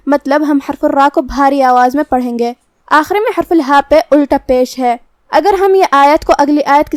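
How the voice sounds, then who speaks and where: A woman with a high voice gives a step-by-step lesson on the rules of recitation. She explains each rule calmly and in order, and draws out the recited verses slowly. The sound is dry and close. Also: no echo. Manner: calm, methodical explanation, with slow drawn-out recitation of verses. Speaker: Quran recitation teacher.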